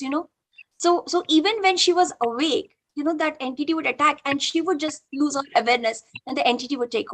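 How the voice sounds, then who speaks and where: A woman with an Indian accent who leads a group session and tells a participant's story animatedly, mixing English and Hindi, over a video call. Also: high-pitched. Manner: animated, mixes English and Hindi, many "you know" fillers. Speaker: spiritual session facilitator.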